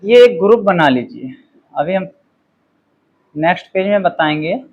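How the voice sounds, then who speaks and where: With a high-sitting voice and lively intonation, a man slowly explains grammar, reading example sentences very clearly and checking in with "okay" after each point. The recording sounds muffled.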